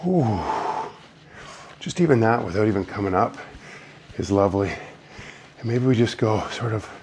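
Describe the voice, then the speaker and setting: A man's voice: fairly low pitch, expressive, moderate pace, darkish tone, slight background noise. A man leading a beginner trampoline workout, giving encouraging cues and getting out of breath as he bounces. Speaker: fitness instructor. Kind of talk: guided workout instruction.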